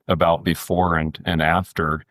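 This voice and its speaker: Man, forties, very deep voice, deliberate talker, dry close sound. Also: little pitch movement, a bit bright, no room sound. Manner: measured, deliberate, with restarts. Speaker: podcast guest. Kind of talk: casual interview.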